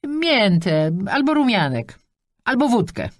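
A woman reading an audiobook and voicing a sharp-tongued, bossy old woman who talks loudly and teasingly. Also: a little high, big pitch swings, unhurried, dry recording, clean studio sound, pitched above the performer's own voice. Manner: loud, teasing, commanding.

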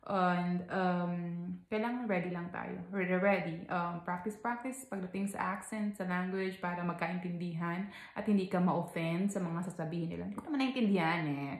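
A woman's voice: on the low side, fairly even intonation, normal speed, reverberant. A young Filipino woman from the Philippines with a Filipino accent, giving casual vlog advice, chatty with frequent laughs and fillers. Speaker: vlogger. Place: home in Texas.

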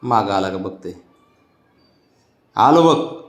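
A man's voice: fairly low pitch, expressive, takes it slowly. Man coaxing his cat in sing-song tones. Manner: coaxing, teasing, repeats questions, chuckles often. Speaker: pet owner talking to his cat. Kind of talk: casual baby-talk to a pet.

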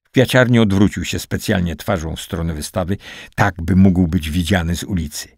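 A man narrating a wartime spy novel as an audiobook in a steady, dramatic reading. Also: sits low, brisk, vocal fry, slightly rough, no room sound, studio quality. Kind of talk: scripted narration.

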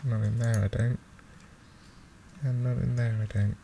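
A man's voice: medium pitch, level tone, a little slow, creaky, warm tone. A man giving casual, hesitant let's play commentary, thinking aloud, with mouse clicking behind him. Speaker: gaming video host. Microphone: close desktop microphone with gain high. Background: mouse clicks and keyboard noise.

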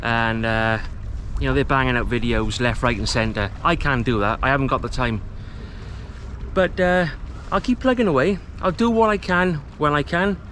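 A man in his thirties from Wales, chatting easily to the camera outdoors on a rocky estuary shore while he fishes, relaxed and self-deprecating. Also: mid-range voice, moderate pace, slight background noise. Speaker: fishing vlogger. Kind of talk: casual talk to camera. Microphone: camera mic, close framing.

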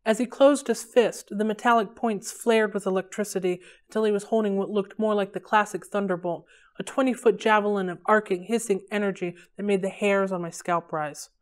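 A woman hosting a library read-along, reading a novel aloud in a steady, unhurried way. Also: mid-range voice.

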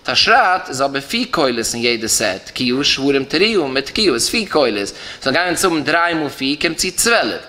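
Male rabbi, Yiddish accent, lecture chant with rising and falling lines, bright voice. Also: medium pitch, big pitch swings, moderate pace, few pauses. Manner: rising and falling chant, stresses key terms, repeats phrases. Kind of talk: Talmudic lecture in a singsong study chant.

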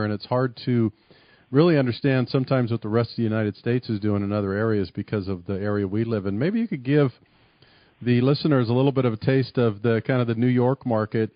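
Low-voiced male radio host, dry. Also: dry recording, highs cut off. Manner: rambling, friendly questions. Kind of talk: interviewing a guest. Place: studio near San Francisco.

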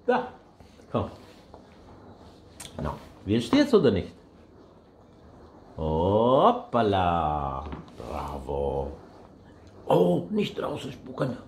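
An older man, a grandfather whose first language is Romanian, talking baby talk to his infant grandchild, cooing and sing-song and often sinking into a soft whisper. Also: fairly low pitch, huge pitch swings, takes it slowly, gravelly, pauses often, a little hiss or hum.

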